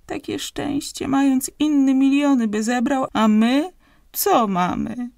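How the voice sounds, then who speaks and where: A woman's voice: mid-range voice, animated, unhurried, a little mellow, dry recording, clean studio sound. A woman reading an audiobook, voicing a grasping, domineering wife who scolds and interrogates her husband. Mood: scolding. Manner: scolding, interrogating, raised and insistent. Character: grasping sharp-tongued middle-aged wife, domineering.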